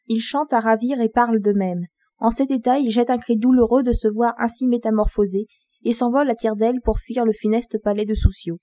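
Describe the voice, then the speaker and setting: A woman narrating a classic fairy tale for an audiobook in a measured reading. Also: on the high side, steady tone, mellow, dry recording, studio quality. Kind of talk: scripted storybook narration.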